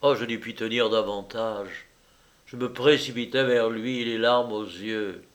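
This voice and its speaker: A man narrating a novel in the first person, in a measured, expressive, confiding manner. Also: lowish voice. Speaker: audiobook narrator.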